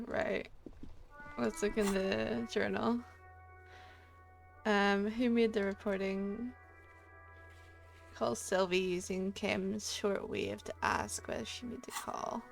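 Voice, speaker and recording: A woman's voice: medium pitch, fairly even intonation, slow pace, gravelly, pauses often, soft background music. A woman streaming a video game live, reacting aloud, swearing and reading options.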